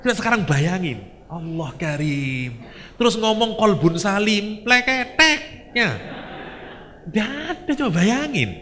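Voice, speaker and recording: A man with an East Javanese accent preaching a sermon, telling the story in a lively way with Javanese and English asides. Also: sits high, slow pace, in a large hall.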